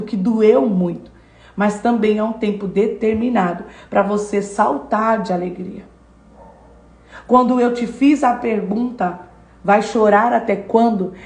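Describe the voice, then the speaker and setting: A woman's voice: on the high side, a little mellow, reverberant. A woman giving a devotional sermon-lesson, speaking emphatically in repeated phrases and addressing the listener directly. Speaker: devotional teacher.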